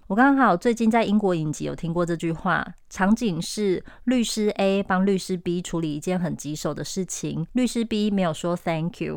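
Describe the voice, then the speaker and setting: Taiwanese lady teaching english phrases, low-ish smooth voice, dry close mic, repeats stuff for you to copy. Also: dry recording. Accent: Taiwanese Mandarin. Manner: clear, drills pronunciation with repeated examples. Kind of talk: scripted language lesson podcast.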